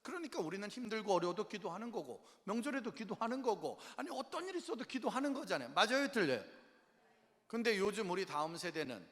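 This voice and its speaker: Animated preacher in a reverberant hall. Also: male voice, high-pitched, fast. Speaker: pastor. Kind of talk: revival sermon. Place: large church worship hall. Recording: long church hall reverb.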